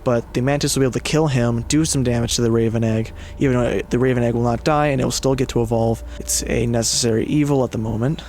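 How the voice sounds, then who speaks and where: A man's voice: medium pitch, fairly even intonation, fast, hardly any pauses, a little mellow, slight background noise. A man giving casual commentary on a game playthrough, musing aloud as he goes. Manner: muses aloud, mildly swears. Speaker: gaming video player and commentator.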